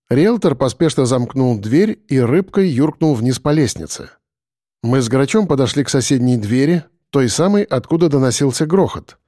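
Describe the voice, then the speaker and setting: A man reading a first-person story aloud in a wry, expressive way. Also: mid-range voice, no room sound, clean studio sound. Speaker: audiobook narrator. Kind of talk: first-person scripted narration.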